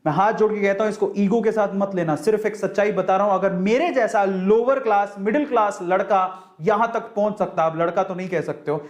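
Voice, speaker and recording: High-voiced Indian man giving a motivational talk. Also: fairly quick, few pauses, roomy sound. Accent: Punjabi-tinged Indian. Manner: casual, chatty, mixes Hindi and English, drops into Rajasthani and Haryanvi. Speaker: motivational speaker. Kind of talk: motivational session, Hindi-English mix.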